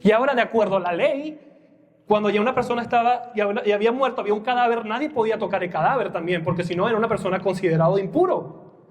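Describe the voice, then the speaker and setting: A man's voice: sits high, fast talker, long reverb tail. A young male preacher giving a sermon, dramatically acting out the lines of the people in the story. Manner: dramatic, acts out Bible characters' lines.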